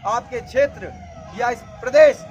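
A man in his twenties giving a booming political rally speech as a student candidate, emphatic and exhorting. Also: unhurried, a little mellow, muffled recording. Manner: emphatic, exhorting, addressing a crowd. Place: outdoors in a campus yard before a standing crowd. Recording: noisy outdoor crowd gathering.

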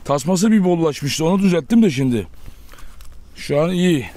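A man's voice: a little high, lively intonation, moderate pace, dark tone, no room sound. A young man talking casually to his viewers as a dog owner, chatty and direct, breaking off for short firm commands to his dogs outdoors. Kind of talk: casual talk to viewers while handling dogs.

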